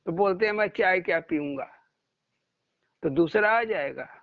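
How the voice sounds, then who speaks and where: High-pitched guy giving a slow devotional talk, muffled dry lo-fi sound. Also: animated, no room sound. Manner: storytelling, acting out quoted dialogue. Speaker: spiritual teacher. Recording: muffled lo-fi recording.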